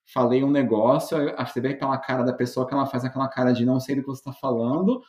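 A Brazilian man with a Brazilian Portuguese accent talks as a podcast guest. He tells his stories in a chatty, self-mocking way, full of fillers. The sound is roomy and echoey, at a middling pitch. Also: fast talker, a little mellow. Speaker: podcast guest, medical educator. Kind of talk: casual interview chat. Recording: roomy echo.

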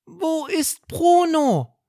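A man voicing an excitable little male animal friend in a children's audio drama, with an urgent, high squeaky voice. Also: drawn-out words, dry recording, studio quality, exaggerated voice.

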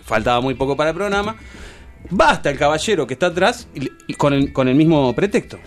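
A man's voice: fast, soft background music. A young Uruguayan man with a Uruguayan Spanish accent, hosting a radio show and telling a story in casual chat, acting out dialogue. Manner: animated, acts out dialogue in a low voice.

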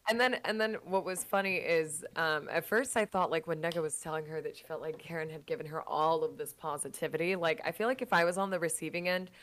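Young female co-host, low-pitched, giggly, halting, interrupts a lot; remote call audio. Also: fairly bright tone. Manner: giggly, halting, often cuts in. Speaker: podcast co-host. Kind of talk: casual TV recap chat.

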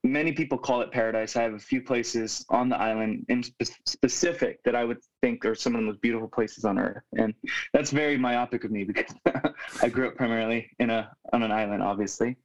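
A man in his twenties from Hawaii, a youth pastor telling his story as a podcast guest in an earnest, reflective way with thoughtful pauses. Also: medium pitch, steady tone. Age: 20s. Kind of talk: casual conversational storytelling. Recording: dull lo-fi remote audio.

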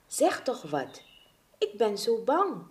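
A woman's voice: a little high, very animated, slow pace, darkish tone. A woman voicing a frightened baby boy with big ears, pleading fearfully.

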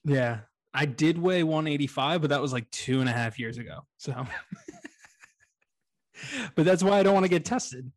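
A man with a fairly high voice chats as a podcast co-host. His talk is casual comedic banter, peppered with swearing and jokes at his own expense. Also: normal speed, long pauses. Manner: profane, joking, self-deprecating.

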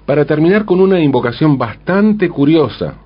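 A man's voice: a little high, lively intonation, normal speed, slightly rough, highs cut off. A man, talking through a song's lyrics in a thoughtful way, often asking rhetorical questions. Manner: thoughtful, frequent rhetorical "¿no?", self-corrections. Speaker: commentator analyzing song lyrics. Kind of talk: spoken lyric analysis, measured and reflective.

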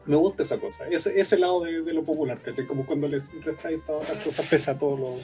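A man with a Chilean accent talking casually about films and pop culture, laid-back and quick to laugh. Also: a little high, fairly even intonation, warm tone, faint music behind. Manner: laid-back, keeps saying "cachai", laughs often. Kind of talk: casual film discussion.

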